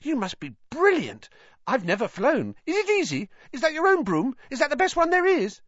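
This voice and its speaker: A man voicing an excitable young boy who gushes in breathless, rapid questions. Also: very high-pitched, dry recording, muffled recording, pitched above the performer's own voice, full character voice. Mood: eager.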